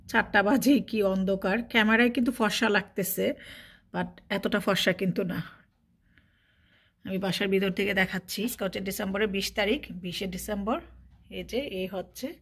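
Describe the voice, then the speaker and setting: A woman vlogging from her home, filming out a window with a phone and talking in a chatty way that repeats itself and mixes in English words. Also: mid-range voice. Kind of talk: casual vlog narration.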